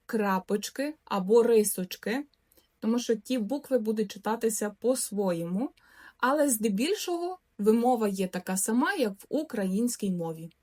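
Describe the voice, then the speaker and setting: Casting: young woman, language teacher, clear and patient, stretches out example words for repetition. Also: on the high side, mellow. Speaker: Polish teacher. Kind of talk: language lesson.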